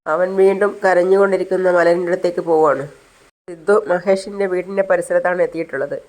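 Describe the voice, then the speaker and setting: A man's voice: high-pitched, steady tone, brisk, a little mellow, rough recording. Man casually narrating a family story. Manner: retells a family drama, voicing all characters himself with little change of voice.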